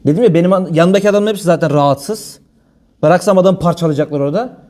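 A man delivers a loose, conversational sermon from a lectern, speaking quickly in a rather high voice. His speech is blunt and everyday, sprinkled with pious exclamations. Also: darkish tone. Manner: blunt colloquial speech mixed with religious phrases. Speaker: preacher. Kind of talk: informal religious talk.

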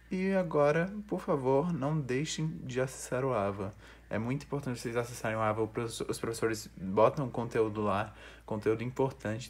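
Man explaining a grammar lesson. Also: mid-range voice. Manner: explanatory, repeats and restarts words. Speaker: teacher. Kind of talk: recorded online lesson.

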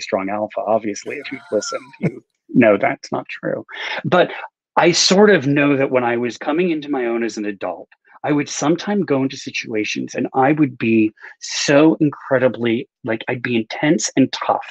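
Animated and slightly rough, this middle-aged man's medium-pitched voice moves at a moderate pace with no echo. He's an author being interviewed on a video call from a bookshelf-lined room, offering rambling, casual answers with self-deprecating remarks, and the call audio is a bit dull.

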